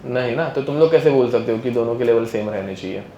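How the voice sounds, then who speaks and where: A male chemistry teacher talks fast in a mellow, medium-pitched voice during a casual live classroom lecture, mixing in English terms and often checking that students are keeping up. The recording is muffled and echoey, with faint classroom ambience and slight background noise.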